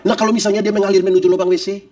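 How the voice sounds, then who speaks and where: A man preaching a sermon, lively and humorous, acting out quotes. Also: high voice, very fast, distant mic. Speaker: pastor. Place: church.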